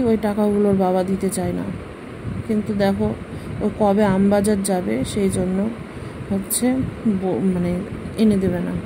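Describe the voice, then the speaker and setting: Middle-aged woman, homely vlog chatter, rambling asides, noisy home recording. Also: medium pitch. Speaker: vlogger. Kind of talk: casual household vlog chat.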